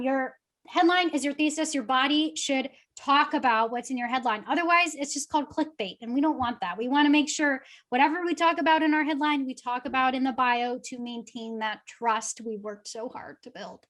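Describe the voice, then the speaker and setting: High-voiced chatty woman coaching. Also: moderate pace, fairly bright tone. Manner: chatty, upbeat, filler-heavy. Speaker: guest social media coach. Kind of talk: casual webinar advice.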